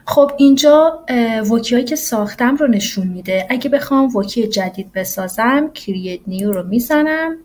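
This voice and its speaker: A woman English teacher walking through a software tutorial in a casual, explanatory way, often pausing on "uh". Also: on the high side, animated. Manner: casual and explanatory, with frequent "uh" fillers. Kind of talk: screen-recorded software tutorial.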